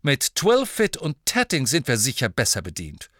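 A man voicing an icy, haughty aristocratic mother in a storybook, speaking in a cool, measured and disdainful way. The sound is dry and close. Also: mid-range voice, huge pitch swings, fairly bright tone, no room sound, heavily acted. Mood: cold.

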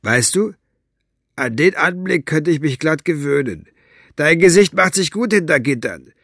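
A man's voice: fairly high pitch, animated, a little slow, creaky, fairly bright tone, no echo, studio quality, pitched above the performer's own voice, heavily acted. A man voicing a coarse, smug male henchman who mocks and gloats. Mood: gloating. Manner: gloating, sneering, grunting.

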